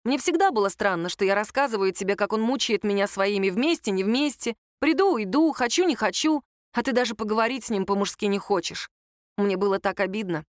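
A woman reading a story voices Lera, a bitter, defiant young woman shouting in heated outbursts. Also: medium pitch, fairly quick, no echo, studio quality, close to an everyday voice. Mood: hurt.

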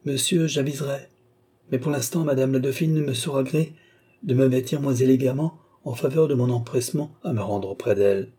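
A man voicing a pale, weary young noblewoman who answers her father softly and politely. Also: medium pitch, brisk, slightly rough, close to an everyday voice. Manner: soft, polite, restrained.

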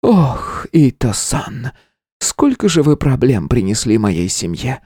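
A woman's voice: very deep voice, very animated, takes it slowly, dark tone, breathy edge, dry recording, clean studio sound, exaggerated voice. A woman voicing a stern mother who scolds and commands sharply, in an audiobook. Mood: reproachful. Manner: reproachful, commanding. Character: stern mother, angry yet respectful. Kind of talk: audiobook character voice.

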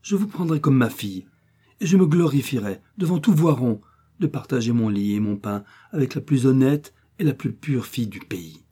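A man reading aloud and voicing an indignant older peasant woman who speaks out loudly and emphatically in raised tones. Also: lively intonation, normal speed, slightly rough. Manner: raised pitch, emphatic declaiming.

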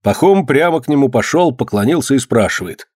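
A man's voice: mid-range voice, expressive, brisk, darkish tone, no room sound, clean studio sound. A man narrating a historical tale and voicing each character. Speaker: audiobook narrator.

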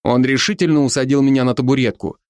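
A man narrating a science fiction story in the first person, expressive and wryly ironic. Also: mid-range voice, quick pace, no echo, studio quality. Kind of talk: audiobook narration.

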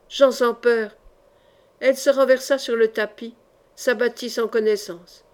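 A woman narrating an audiobook with measured, steady storytelling. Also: fairly high pitch. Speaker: audiobook reader. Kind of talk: audiobook narration of a historical novel.

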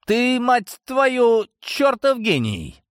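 Male narrator doing an older mob boss, bellowing, big swings from low drawl to high yells. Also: big pitch swings, a little slow, dry recording, studio quality. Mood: furious. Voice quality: roaring shouts. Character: older male crime boss, wrathful, blustering.

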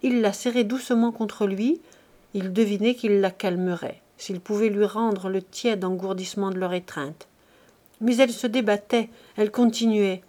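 A woman narrates a classic novel as an audiobook reader, measured and expressive, in a mid-range voice.

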